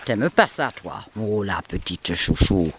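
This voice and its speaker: A man's voice: lowish voice, very animated, slow pace, fairly bright tone, a little hiss or hum. A man filming by a lake outdoors on a camcorder, talking to his dogs in coaxing, cooing baby talk with sing-song exclamations. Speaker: dog owner filming a home video.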